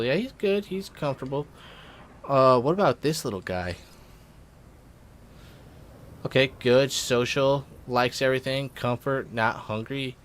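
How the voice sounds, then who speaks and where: A young man giving casual, rambling let's-play commentary, full of fillers and self-corrections, with excited bursts when something in the game surprises him. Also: mid-range voice. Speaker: gaming YouTuber.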